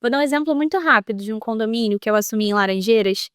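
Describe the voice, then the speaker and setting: A woman working as a building manager, a guest on an interview podcast, telling a story in an animated, lively way. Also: fairly high pitch, very fast, smooth, dry recording, clean studio sound.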